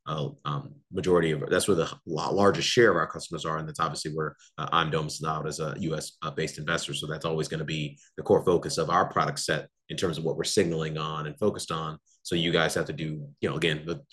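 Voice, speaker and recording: A man's voice: rumbling low, level tone, fast, few pauses, fairly bright tone, slightly rough. A man hosting a macro investing research show, giving confident, analytical market commentary and answering a listener's question.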